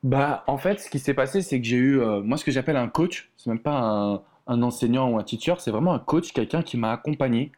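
A man's voice: mid-range voice, brisk, hardly any pauses. A man from France, a relationship coach, talking casually as an interview guest with plenty of fillers and restarts. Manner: relaxed, chatty, many fillers and restarts.

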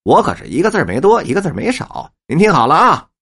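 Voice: mid-range voice, wildly swooping pitch, fast talker, fairly bright tone, slightly rough, full character voice. A narrator voicing a teasing middle-aged wife who passes on an insult in a mock-polite, sing-song manner.

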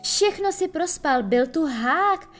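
A tiny fairy with a thin, tinkling voice cries out in a very high, urgent way, as a woman plays her for a storybook. She is prickly and anxious, with faint music in the background. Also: expressive.

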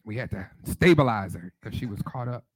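A man's voice: on the low side, lively intonation, brisk, slightly rough, no echo, poor audio. A man with a Detroit accent preaching a sermon, leading call-and-response and telling stories. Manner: sings prayer lines, then teaches with call-and-response and storytelling.

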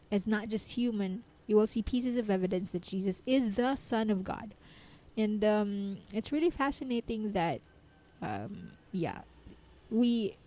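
A woman reading a devotional book aloud and then reflecting on it in an earnest, casual way with many fillers and restarts. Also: mid-range voice. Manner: earnest, with frequent fillers, restarts and soft laughs. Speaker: Bible study reader and presenter.

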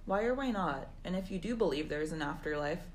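A woman's voice: fairly low pitch, expressive, brisk, slight background noise. A woman as interviewer in a scripted mock interview, reading her questions carefully.

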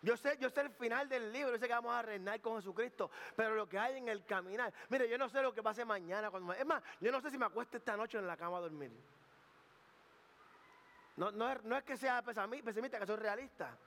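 A man's voice: high voice, a little fast, a bit bright. A male pastor giving a sermon in a conversational style, joking, making asides, dropping in English words and often repeating himself. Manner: conversational preaching with jokes and asides. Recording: long hall reverb.

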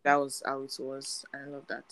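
A woman's voice: extremely low pitch, completely flat delivery, brisk, fairly bright tone, low-quality recording. A young woman co-hosting a casual podcast chat, talking in a chatty, storytelling way. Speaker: podcast co-host.

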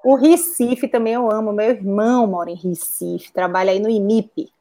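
A talkative middle-aged woman with a Bahian accent, speaking as a guest in a relaxed chat. She tells her stories with plenty of asides, at an everyday pitch for a woman. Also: moderate pace. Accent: Bahian Portuguese. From Bahia, Brazil. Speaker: guest, pilates instructor and physiotherapist. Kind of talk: casual conversation.

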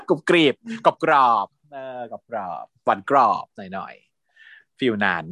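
Chatty host, giggly and animated, pitch swings all over, dry close sound. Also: male voice, slow pace, no echo. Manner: animated and giggly, mixes in English words. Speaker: co-host recapping a series; hospital worker who does shifts. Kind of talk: casual chat.

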